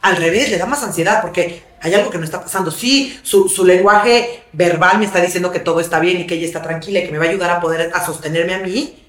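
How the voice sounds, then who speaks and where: A woman's voice: fairly low pitch, fast. A woman with a Mexican Spanish accent who works as a parenting coach, explaining earnestly in a casual podcast conversation and acting out the voices of the parents she talks about. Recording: roomy echo.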